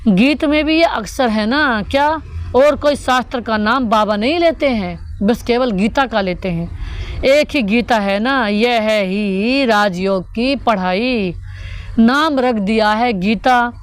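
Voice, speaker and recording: A woman whose voice is fairly high takes her time with a devotional sermon on the daily spiritual teaching. She repeats each point and addresses rhetorical questions to her listeners.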